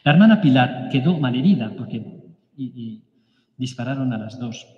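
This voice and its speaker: A man reading a story of martyrs aloud to a prayer group as preacher, halting and restarting now and then. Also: medium pitch, expressive. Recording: echoey hall, dull lo-fi sound.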